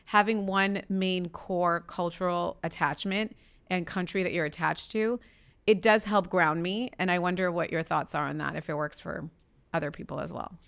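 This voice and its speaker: A woman's voice: lowish voice, fairly even intonation, normal speed, creaky, fairly bright tone, clean tone. A woman hosting a podcast interview, telling personal stories in a thoughtful, conversational way with frequent fillers. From United States. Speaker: podcast host.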